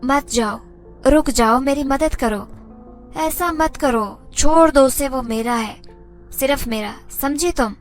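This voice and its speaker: A woman voicing a jealous, vengeful female spirit who makes threats in a horror story, speaking her lines slowly and drawing them out. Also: high voice, soft background music. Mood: pleading, possessive.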